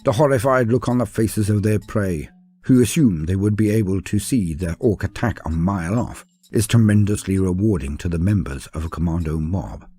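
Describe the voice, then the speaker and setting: Low and husky with a dark tone, the male narrator moves at a moderate pace while soft music plays underneath. He delivers scripted Warhammer war lore dramatically and theatrically, speaking to the audience in a formal manner.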